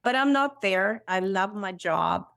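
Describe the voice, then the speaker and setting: A middle-aged woman from Sweden, a cardiologist guest speaking in a warm, reassuring way, laughing often and repeating words. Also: mid-range voice, lively intonation, measured pace, creaky. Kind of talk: conversational interview.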